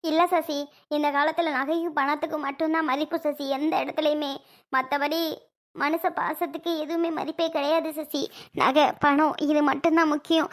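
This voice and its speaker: A woman playing a poor young village mother who speaks softly and sounds wounded. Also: high voice, steady tone, moderate pace, close to an everyday voice. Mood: hurt. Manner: soft, pleading, wounded. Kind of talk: village skit acting.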